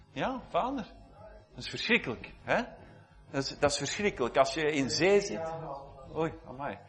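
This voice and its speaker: A man preaching a sermon in a conversational, reflective way, often repeating words and clearing his throat. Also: on the high side, a bit bright.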